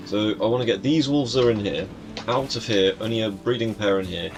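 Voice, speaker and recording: A man streaming a game, a little hoarse as he loses his voice, rambling casually and teasing the creatures on screen. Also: fairly low pitch, fairly quick. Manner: rambling, muttering to himself, teasing the game's creatures. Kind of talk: casual gameplay commentary. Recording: music in the background.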